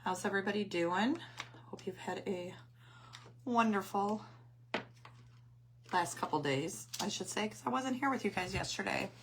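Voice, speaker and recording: A woman with a hoarse, failing voice that cuts in and out, chatting casually as she hosts a craft livestream and greets her viewers. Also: mid-range voice, normal speed, long pauses, slight background noise. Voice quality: hoarse, voice cutting in and out. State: losing her voice after coughing.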